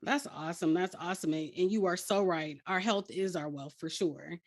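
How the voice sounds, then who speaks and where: A woman's voice: fairly low pitch, moderate pace, no echo, studio quality. A woman hosting a podcast interview, upbeat and affirming as she introduces and questions her guest. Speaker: podcast host.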